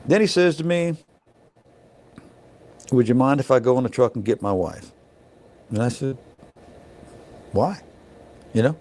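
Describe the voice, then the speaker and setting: A man's voice: medium pitch, measured pace, long pauses, dark tone. A middle-aged man who inspects trucks at a scale, telling a story in a folksy, chatty way with lots of "you know" asides. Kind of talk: casual storytelling.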